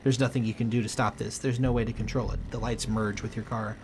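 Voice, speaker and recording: A man hosting a let's play, reading game text aloud with a quick, lightly dramatic delivery. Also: mid-range voice, level tone.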